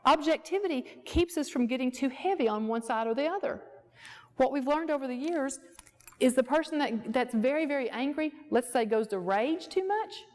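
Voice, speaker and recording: At a workshop on a ranch, a woman therapist lectures conversationally, telling stories from her practice and acting out quoted dialogue. Her voice sits high with a darkish tone, expressive at a normal speed. It's a lecture built around personal anecdotes.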